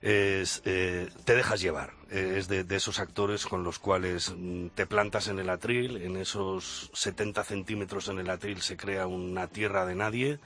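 Husky Spanish voice actor, radio guest. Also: male voice, low-pitched, flat delivery, unhurried, few pauses, a bit bright. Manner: reflective, repeats words. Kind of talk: casual radio interview. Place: radio studio.

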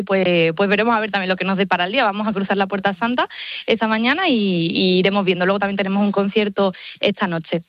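Fast-talking young woman, lo-fi line. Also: medium pitch, no room sound. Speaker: digital missionary guest. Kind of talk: phone-in radio interview. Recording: slightly dull lo-fi line.

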